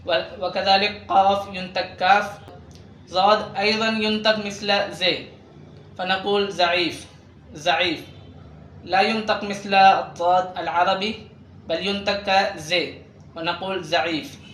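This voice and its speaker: A man teaching a recorded language lesson, slowly repeating each word several times. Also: high-pitched, level tone, fairly bright tone. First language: Urdu. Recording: echoey room with faint noise.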